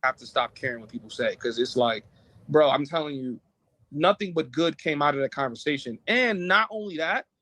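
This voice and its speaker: A man's voice: fairly high pitch, animated, moderate pace, fairly bright tone, dry recording. A man who is a content creator, talking casually on a stream and hesitating with many fillers.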